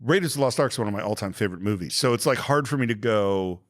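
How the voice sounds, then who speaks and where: A man's voice: on the low side, expressive, racing. A male podcast host chatting casually about a film, recapping scenes and acting out lines. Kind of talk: casual film review chat.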